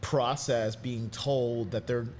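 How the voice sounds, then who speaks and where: A man co-hosting a podcast, chatty and quick to laugh in casual talk. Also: mid-range voice, fairly even intonation, a little mellow, slight background noise. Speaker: podcast co-host. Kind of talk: casual chat.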